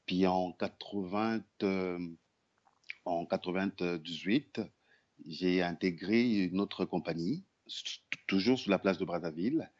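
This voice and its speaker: A man's voice: low-pitched, takes it slowly, highs cut off. A man from the Republic of the Congo, an actor, puppeteer and storyteller, answering interview questions hesitantly with many fillers and restarts.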